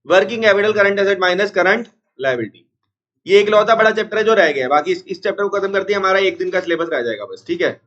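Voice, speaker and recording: A man teaching an accounts class, unwell with a strained chest, repeating formulas slowly and scolding noisy students. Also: sits high, lively intonation, a bit bright, muffled recording. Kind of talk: classroom lecture.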